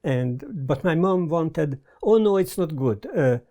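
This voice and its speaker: An older man with a Hungarian accent, talking in a thoughtful, halting way with many pauses, interviewed in a book-lined study on a lapel mic. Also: on the high side, animated, warm tone. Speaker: guest. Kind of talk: casual conversation. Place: study lined with bookshelves, indoors.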